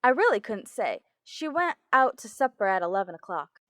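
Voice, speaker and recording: A woman's voice: mid-range voice, big pitch swings, normal speed, a bit bright. A woman playing a polite but officious, unbothered hospital receptionist in an old-time radio drama. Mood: politely officious. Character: brisk, unbothered hospital switchboard receptionist, female.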